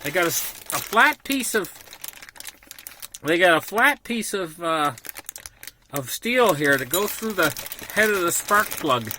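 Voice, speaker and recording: Male unboxing vlogger, forward bright tone, swinging intonation, folksy and unscripted, recorded inside a small camper trailer. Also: high voice, animated, a little slow, long pauses, a little hiss or hum. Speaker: vlogger presenting a product unboxing. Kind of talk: casual unscripted product walkthrough.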